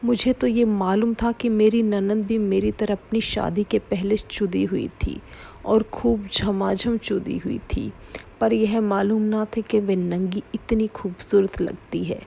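A woman reading a first-person adult story aloud in a steady, plain storytelling way. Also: medium pitch, measured pace, creaky, husky. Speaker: story narrator.

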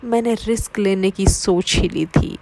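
A woman reading a first-person story aloud in a steady, low-key way. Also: unhurried, gravelly, faint music behind. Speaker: narrator.

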